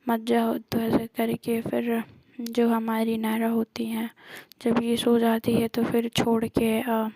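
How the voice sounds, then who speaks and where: A woman casually retelling a love story in a soft, half-whispered voice, pausing often on fillers. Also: a little high, completely flat delivery, no echo, poor audio. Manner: hesitant, many filler pauses.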